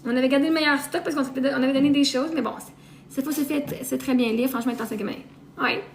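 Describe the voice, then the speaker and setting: A woman's voice: high voice, steady tone, fast. A woman with a Québécois accent, chatting casually on a live stream and rambling on, listing things and repeating herself. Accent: Québécois French. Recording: roomy echo, faint noise.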